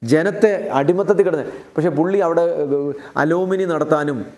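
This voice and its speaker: Lively pastor preaching with a Keralite accent. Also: male voice, a little high, normal speed, a little hiss or hum. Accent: Keralite Malayalam. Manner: questioning the congregation and retelling Bible stories in a lively, conversational way. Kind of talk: sermon.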